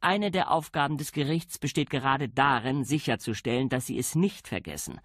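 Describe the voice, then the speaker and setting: A man's voice: medium pitch, animated, moderate pace, a bit bright, dry recording. A man reading an audiobook, voicing a middle-aged police commander who speaks dryly and sternly. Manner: dry, stern, lecturing. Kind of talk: audiobook character voice.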